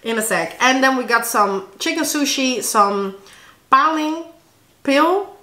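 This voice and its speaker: Bright giggly woman in her twenties. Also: high voice, lively intonation, takes it slowly. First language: Dutch. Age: 20s. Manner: giggly, talks while eating. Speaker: vlogger. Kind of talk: casual mukbang chat. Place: home room with family. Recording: echoey room.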